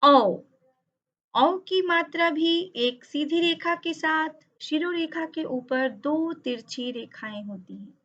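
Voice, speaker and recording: A woman teaching over slides, speaking slowly and carefully and drawing out each sound she spells. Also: high voice, fairly bright tone. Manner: drawn-out, emphatic spelling of sounds. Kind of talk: slow, careful lesson narration over slides. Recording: dull lo-fi audio.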